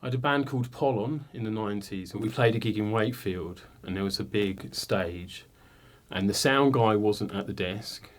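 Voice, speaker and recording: A man's voice: fairly low pitch, moderate pace. A man in his forties from England, a guitarist telling stories about playing live in a rambling, self-deprecating way, full of "like" and "you know". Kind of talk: relaxed interview storytelling.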